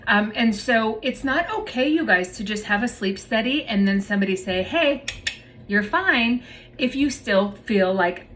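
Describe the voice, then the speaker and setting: A woman's voice: mid-range voice, normal speed, few pauses, a bit bright, a little hiss or hum. A woman myofunctional therapist chatting casually and explaining plainly to her viewers, calling them "you guys". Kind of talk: casual educational talk to viewers.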